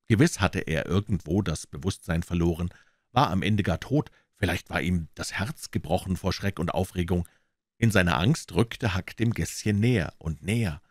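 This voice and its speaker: A man narrating a classic novel aloud with measured, expressive storytelling. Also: sits low, dry recording, studio quality. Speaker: audiobook narrator.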